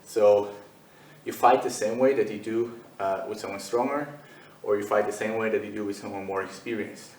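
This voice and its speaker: A man's voice: on the low side, moderate pace, darkish tone, reverberant, far from the mic, a little hiss or hum, poor audio. A man teaching jiu-jitsu in a loose, conversational way while demonstrating on the mat. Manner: loose and conversational, many fillers. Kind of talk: casual instructional demo.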